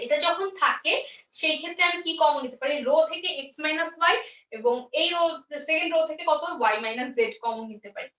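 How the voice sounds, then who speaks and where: A woman's voice: high-pitched, a bit bright, distant mic. A woman teaching math step by step, asking questions and then answering them herself. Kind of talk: explaining a math lesson step by step. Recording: roomy echo, voice off-mic.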